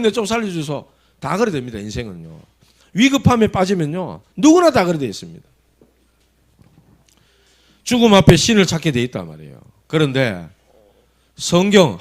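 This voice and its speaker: A male pastor with a Gyeongsang accent preaching a sermon, telling stories animatedly and swinging between soft and loud. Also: high voice. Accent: Gyeongsang dialect.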